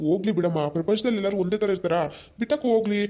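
A man playing an easygoing husband who keeps telling his angry wife to calm down, in an amateur village family drama. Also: high voice, very fast, close to an everyday voice. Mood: placating. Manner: soothing, placating.

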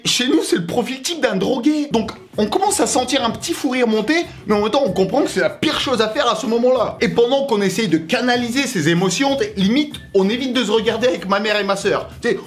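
A young man from Russia with a Russian accent, telling a joking personal story on his vlog with slangy asides. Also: sits high. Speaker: YouTuber.

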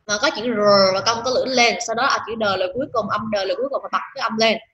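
A woman teacher giving an online English pronunciation lesson, drilling words slowly and coaxing her class in a chatty, teasing way. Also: a little high, steady tone, highs cut off, a crowd in the background. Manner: drills words slowly, stretching each sound.

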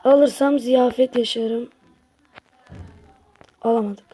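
A woman's voice: a little high, fairly even intonation, slow, mellow, husky, faint music behind. A woman giving casual gameplay commentary to her viewers, grumbling and exasperated as she plays. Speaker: gaming channel host.

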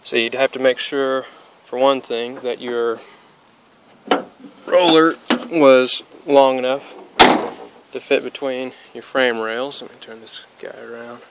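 Heavy background noise surrounds a young man in his twenties as he slowly rambles through a casual how-to outdoors, by a car and later beneath a metal-roofed shed. The DIY hobbyist, a little spacey from being sick, speaks flatly at medium pitch, with many fillers and restarts.

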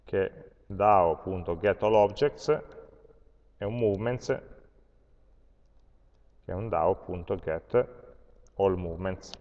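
An Italian university lecturer with a lower-pitched voice leads a live-coding programming lesson, thinking aloud as he types, with many pauses and fillers. The recording is dull and lo-fi, and a long hall echo trails each phrase.

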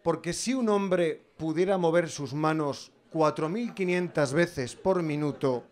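Male stand-up comedian with a Spain Spanish accent, slightly high voice, animated and ironic. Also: a little slow. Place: stage.

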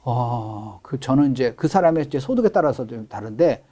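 A man's voice: medium pitch, animated, normal speed, mellow. A middle-aged man, a real estate expert guest, explaining things in an interview with emphatic stress on key words.

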